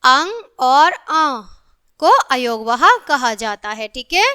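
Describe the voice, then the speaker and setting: A woman's voice: high-pitched, lively intonation, slow pace, bright, forceful tone, smooth. A woman teacher giving a patient grammar lesson to young children, often calling on them and slipping numbers into her speech. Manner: mixes English numbers into Hindi.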